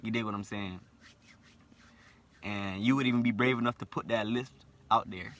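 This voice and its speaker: In a lowish, somewhat bright voice, a young man with a lisp speaks to camera at normal speed with a steady tone. The vlogger's monologue is blunt, opinionated and repetitive, and he asks "right?" after nearly every line.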